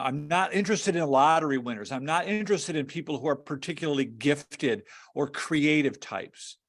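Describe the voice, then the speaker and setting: A man giving a webinar presentation over a video call, earnest, often repeating words and filling pauses. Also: mid-range voice.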